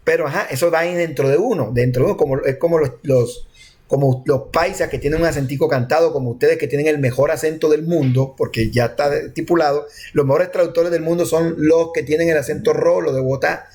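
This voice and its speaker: A man's voice: a little high, quick pace, darkish tone. A man with a Colombian coastal accent, teaching a programming class over a video call in a chatty, joking way. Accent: Colombian coastal Spanish. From Colombian Caribbean coast. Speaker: programming instructor. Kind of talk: online class talk.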